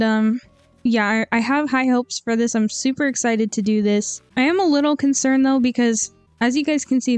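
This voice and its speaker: A woman's voice: a little high, darkish tone, clean tone, no echo. A young woman hosting a gaming channel, chatting casually over gameplay in an upbeat way with a slight lisp from braces. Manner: chatty and upbeat, with frequent ums. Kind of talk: casual game commentary voice-over.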